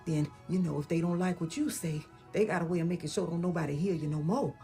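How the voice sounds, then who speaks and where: A woman voicing an excitable old-time Southern woman in a comic skit, with a put-on Southern US dialect and a drawl. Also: fairly low pitch, fast, soft background music, close to an everyday voice. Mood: warning. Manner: drawling, exclaiming, half-sung.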